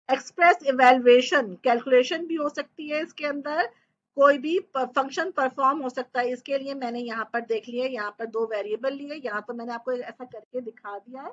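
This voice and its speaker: A woman's voice: high-pitched, lo-fi sound. A woman teaching programming, explaining step by step and often checking in with her students. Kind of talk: coding tutorial lecture.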